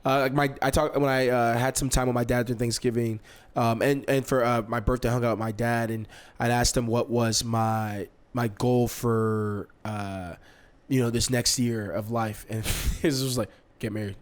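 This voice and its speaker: Animated young male podcast host. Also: mid-range voice, normal speed, clear, resonant tone. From Nigeria. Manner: animated, acts out quotes with laughter. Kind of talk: casual storytelling chat.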